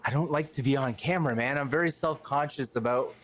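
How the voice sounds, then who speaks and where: A man's voice: medium pitch, fast, a bit bright. A man, chatting as a podcast guest in an outgoing, rambling way. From Canada. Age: 30s. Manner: outgoing, rambling, lots of fillers. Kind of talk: casual chat.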